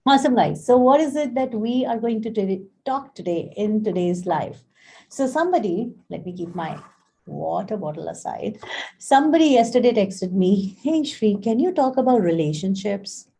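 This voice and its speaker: A woman life coach speaks casually on a live stream in a warm, mellow voice. She tells stories chattily and acts out the voices in her anecdotes. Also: mid-range voice, expressive, moderate pace, gravelly. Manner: chatty storyteller, acts out quoted dialogue; frequent fillers and restarts, friendly address to viewers.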